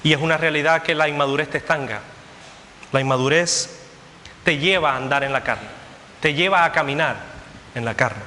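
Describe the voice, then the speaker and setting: A man's voice: on the high side, normal speed, long pauses, pushed and bright, in a large hall, slight background noise. A man preaching a sermon as pastor, driving his points home with an emphatic, repetitive cadence. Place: church hall.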